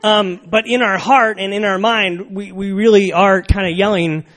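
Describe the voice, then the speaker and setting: A young man preaches in a relaxed, conversational sermon and keeps checking in with his listeners. His voice sits a little higher than most men's. He repeats his main points for emphasis and talks to the room like a friend. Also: moderate pace. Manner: conversational, repeats key phrases, asks the audience "right?". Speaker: pastor.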